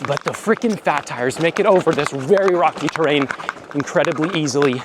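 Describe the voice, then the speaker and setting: A man's voice: a little high, a little fast. A man reviewing an electric bike, talking enthusiastically to viewers while riding mountain bike trails outdoors and getting out of breath. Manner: enthusiastic, exclamatory, addresses viewers as guys. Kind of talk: excited ride-along commentary. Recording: outdoor recording with loud wind and riding noise.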